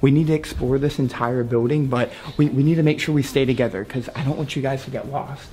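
A young man, excitedly exploring an abandoned building on camera, gasping and dropping to whispers. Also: mid-range voice, quick pace. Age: young adult. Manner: excited, jumpy, loud gasps and hushed whispers. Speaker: vlogger. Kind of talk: live exploration vlog. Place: inside an abandoned concrete building. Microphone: handheld camera. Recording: echoey bare-walled room.

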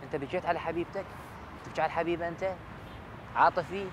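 Iraqi man, TV interviewer, extremely quick and deferential, slightly high voice, lapel mic outdoors. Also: noisy background. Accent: Iraqi Arabic. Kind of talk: conversational interviewing. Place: outdoors at night in a city park.

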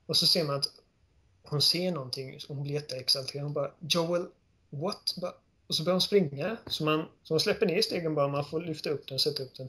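A man co-hosting a casual game podcast, retelling scenes with animated storytelling. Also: fairly high pitch, husky. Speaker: podcast co-host. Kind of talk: casual chat.

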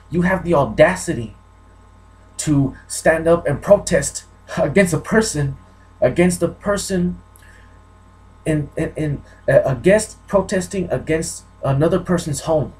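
A man's voice: fairly high pitch, darkish tone, low-quality recording. A man from New Mexico giving an unscripted vlog monologue, rambling and often repeating himself and restarting. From New Mexico, USA. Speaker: vlogger.

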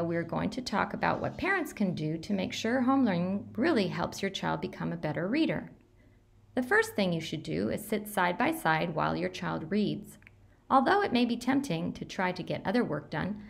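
A woman narrating a scripted explainer for parents as a school principal, in a deliberate, instructional manner that stresses key points. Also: on the low side, gravelly.

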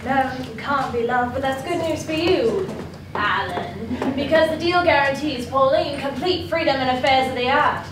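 An impatient, menacing gangster acted by a woman on stage in a farce. Emphatic and high-voiced, heard through heavy echo and background noise. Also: normal speed, lightly acted. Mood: coolly persuasive. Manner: emphatic, confrontational. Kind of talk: theatrical stage farce acting. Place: small theatre stage with audience. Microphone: far camera. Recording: echoey noisy theatre, distant camera mic.

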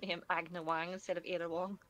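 Woman, fairly low pitch, casual gaming chatter. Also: little pitch movement, fast talker, a bit bright, slight background noise. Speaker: streamer playing a game with friends.

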